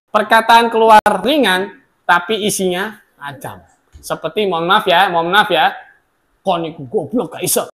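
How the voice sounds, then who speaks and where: A high-voiced, middle-aged man teaches a classroom lecture, alternating loud outbursts with soft asides. He performs quoted remarks in sharp voices.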